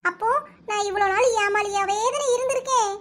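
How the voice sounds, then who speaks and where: An angry, betrayed village wife from a cartoon, played by a woman, in a very high, shrill voice with a Kanyakumari accent. She complains bitterly and indignantly. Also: steady tone, a little fast, fairly bright tone. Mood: aggrieved. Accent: Kanyakumari Tamil. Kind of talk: cartoon voice acting.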